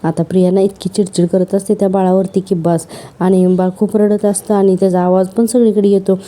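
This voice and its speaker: A woman's voice: mid-range voice, level tone, brisk, warm tone. Chatty woman recapping a serial episode. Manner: chatty storytelling with asides to listeners.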